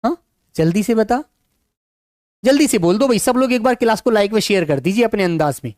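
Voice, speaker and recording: A male teacher with a sore, hoarse throat, leading an online exam-prep class in a calm, unhurried and affectionate way. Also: high-pitched, no room sound, studio quality.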